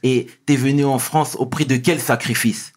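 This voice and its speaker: A man's voice: medium pitch, fairly even intonation, normal speed. Guy hosting an interview, mid voice, chill and friendly with the questions. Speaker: interview host. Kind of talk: casual interview.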